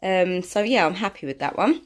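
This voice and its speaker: A woman's voice: fairly low pitch, expressive, normal speed. A woman chatting casually through a home vlog, self-deprecating and full of fillers. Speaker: vlogger. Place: home, indoors.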